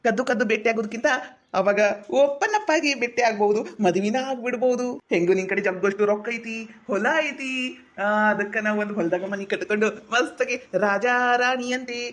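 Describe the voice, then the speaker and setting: A woman playing a sweet-talking young village man with a North Karnataka Kannada accent, coaxing and flattering his sweetheart. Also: fairly high pitch, a little fast, close to an everyday voice.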